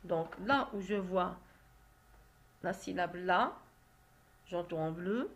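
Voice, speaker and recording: A woman teacher going slowly through reading exercises with young pupils, carefully sounding out syllables and letters. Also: fairly low pitch. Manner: slow, careful, spells out syllables. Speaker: primary school teacher. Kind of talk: reading lesson, exercise correction.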